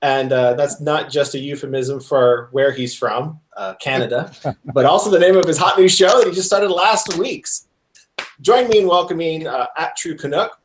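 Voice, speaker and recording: A man's voice: fairly high pitch, normal speed, rough recording. A man hosting a casual podcast, teasing his guest and laughing often. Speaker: podcast host. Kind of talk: casual joking podcast chat.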